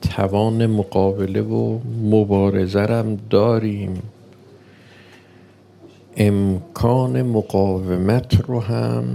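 Gravelly-voiced man preaching slowly. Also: on the low side, warm tone. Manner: slow and deliberate, with rhetorical questions; acts out an imagined opponent's voice. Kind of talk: sermon.

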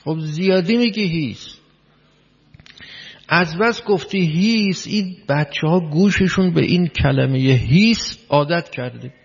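A man's voice: fairly high pitch, gravelly. A man giving a spoken lecture, explaining step by step, repeating key words and putting questions to his listeners. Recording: long hall reverb, dull lo-fi sound.

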